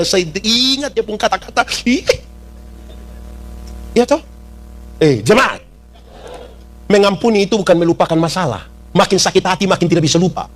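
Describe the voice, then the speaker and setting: A high-voiced man preaches a sermon to his congregation. He keeps asking the listeners questions and acts out little scenes in local dialect. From East Nusa Tenggara, Indonesia. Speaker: pastor. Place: church.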